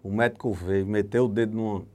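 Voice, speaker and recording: A young man telling a crude, animated story on a podcast, acting out the voices he quotes. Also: fairly low pitch, fairly quick. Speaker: podcast guest comedian.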